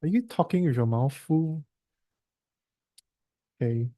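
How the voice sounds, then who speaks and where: A man's voice: on the high side, slow, warm tone. A man with a Singaporean English accent tutoring a student through a science lesson, quizzing him and teasing him in a chatty way.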